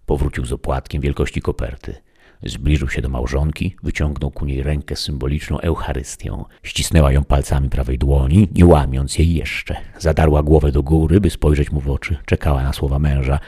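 A man reading a story aloud as an audiobook narrator, in a measured, dramatic way. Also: rumbling low, mellow, husky. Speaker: audiobook reader.

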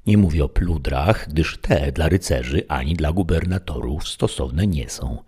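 A man's voice: extremely low pitch, expressive, a little slow, darkish tone, slightly rough, exaggerated voice. A man voicing an aging idealistic knight who gives solemn, archaic advice and lectures sternly. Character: aging idealistic knight, lofty and quick-tempered.

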